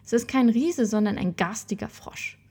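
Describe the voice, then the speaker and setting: A woman's voice: a little high, normal speed, darkish tone, breathy edge. A woman playing a whiny young princess. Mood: fretful. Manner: whiny, pleading. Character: young spoiled princess, fretful. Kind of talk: fairy-tale reading.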